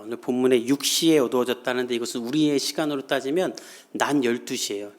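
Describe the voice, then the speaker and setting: A man's voice: mid-range voice, a little mellow. A male pastor delivering a sermon, building in intensity and briefly voicing the mockers he quotes. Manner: preaches with rising intensity, acting out quoted mockers.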